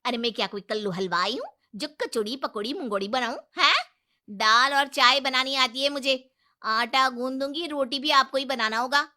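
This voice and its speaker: A woman voicing a bold, sharp-tongued young daughter-in-law who talks back defiantly and loudly. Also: high voice, big pitch swings, moderate pace, pitched above the performer's own voice, exaggerated voice. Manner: defiant, sassy, loud retorts.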